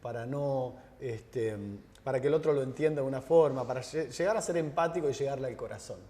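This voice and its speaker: A man's voice: medium pitch, brisk. A man with a Rioplatense Spanish accent, a guest in a conversational interview, telling stories and acting out the dialogue. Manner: animated storyteller, acts out dialogue. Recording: long reverb.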